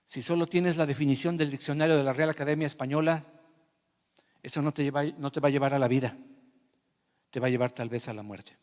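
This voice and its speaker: A man with a Mexican Spanish accent preaching a sermon as pastor, telling a story with emotion and moving from quiet to loud. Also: mid-range voice, fairly even intonation, a little fast, long pauses, big-room sound.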